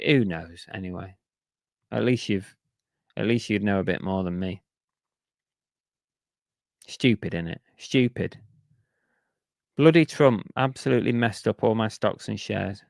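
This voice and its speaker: On a live stream, a reseller chats casually, reading viewer comments aloud and grumbling about sales as his voice gives out. His tone is lowish and gravelly, recorded with clean studio sound and no echo.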